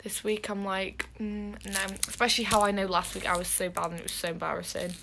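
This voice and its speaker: A woman's voice: mid-range voice, flat delivery, a little fast, creaky, background noise. A young woman talking casually to camera in a rambling, self-deprecating vlog about her day. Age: young adult. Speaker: vlogger. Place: at home, then outdoors.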